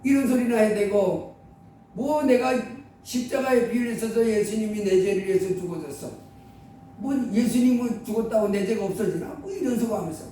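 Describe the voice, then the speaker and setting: A man with a strikingly high voice preaches a sermon in a casual, conversational manner, throwing out rhetorical questions and slipping into the voices of the people he quotes. He sounds far from the mic in a heavily echoing hall, with a faint rumble underneath. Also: normal speed, warm tone. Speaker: pastor.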